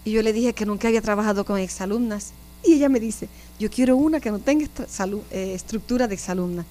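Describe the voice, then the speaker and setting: Warm-voiced Puerto Rican nun. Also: female voice, medium pitch, quick pace. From Puerto Rico. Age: 50s. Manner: animated storyteller, often addresses listeners directly. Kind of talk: personal testimony in an interview.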